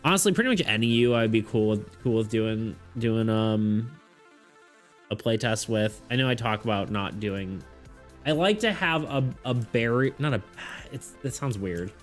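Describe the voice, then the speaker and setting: A man with a fairly low, expressive voice chats casually with his live stream viewers at a normal speed. He rambles, keeps restarting sentences and laughs often, with faint music playing in the background.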